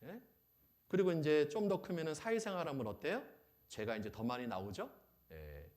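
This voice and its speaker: A man preaching as a pastor, animated, asking the audience questions and acting out little scenes. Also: on the high side, moderate pace. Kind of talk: lively sermon.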